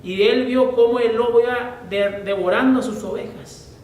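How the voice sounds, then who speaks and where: A man preaching a sermon, praying and reading scripture with earnest, deliberate pacing before telling a children's story. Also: extremely high pitch, fairly even intonation, darkish tone. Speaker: pastor. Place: church sanctuary. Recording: echoey church from a distant mic.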